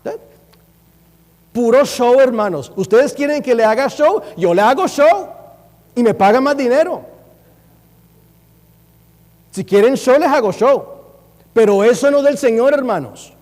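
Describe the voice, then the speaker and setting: A man, a pastor, preaching a sermon in a church in an animated, humorous way, with mocking impressions. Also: very high voice, normal speed. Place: church sanctuary. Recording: long reverb from a church hall.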